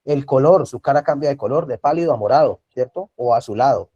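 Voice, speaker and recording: Man, Colombian Spanish accent, first aid instructor, mellow voice, video call class, repeats points and checks in. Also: mid-range voice, brisk, husky, highs cut off. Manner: repetitive, checks in with frequent tag questions. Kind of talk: online class lecture.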